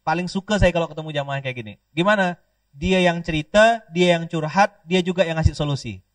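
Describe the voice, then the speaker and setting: A man's voice: on the high side, brisk, dry recording. Joking male preacher from Pontianak. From Pontianak, Indonesia. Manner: joking, call-and-response with the crowd. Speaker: Islamic preacher. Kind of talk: lively sermon to an audience. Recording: dry, distant mic.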